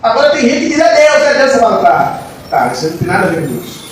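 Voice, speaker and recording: A man, a pastor, preaching a sermon with passion, moving between soft lines and shouts. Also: sits high, very animated, very fast. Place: church hall. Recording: echoey church hall, mic far off, faint noise.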